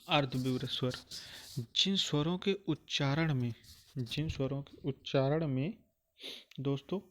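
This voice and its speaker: A man teaching a grammar lesson, repeating phrases patiently and slowly sounding out each vowel for his listeners. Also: on the high side. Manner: repetitive, calls listeners "friends", checks understanding often.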